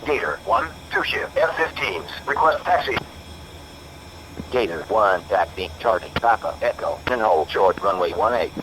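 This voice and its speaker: A terse controller over a radio. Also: male voice, fairly low pitch, animated, a little slow. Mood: clipped. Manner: clipped radio phrasing. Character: terse male air traffic controller and pilot. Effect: over a military aircraft radio. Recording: noisy in-game radio audio.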